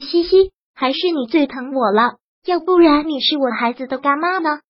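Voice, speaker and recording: A woman's voice: high voice, normal speed, dry recording, highs cut off, close to an everyday voice. A woman voicing a confused, childlike young woman who treats a puppet as her baby, in a storybook reading. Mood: cheerful.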